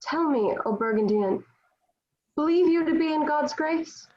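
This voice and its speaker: A woman's voice: high-pitched, lively intonation, unhurried, warm tone. A woman playing a devout, defiant young Joan of Arc in a dramatic table read, speaking in formal, declamatory period phrasing. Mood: defiant, scornful. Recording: dull lo-fi virtual-meeting audio.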